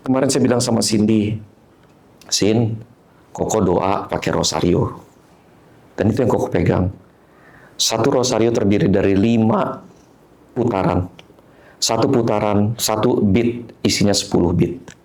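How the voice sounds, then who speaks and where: A man, a pastor preaching a dramatic sermon, shifting between quiet guidance and shouted storytelling. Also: on the low side, unhurried, vocal fry, pauses often.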